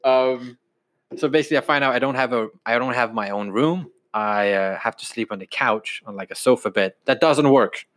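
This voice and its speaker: A man in his twenties from Denmark, telling stories in a relaxed, casual podcast chat with some restarts. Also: medium pitch, normal speed. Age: 20s. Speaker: podcast co-host.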